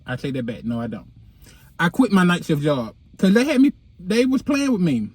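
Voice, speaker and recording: High-voiced man with a lisp, whistling s. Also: big pitch swings, moderate pace, darkish tone, slightly rough, no room sound. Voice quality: lisp with whistling s from dental aligners. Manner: slangy, candid, sassy. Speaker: vlogger, podcast host. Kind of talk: casual chat to followers. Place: inside a car. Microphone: handheld phone.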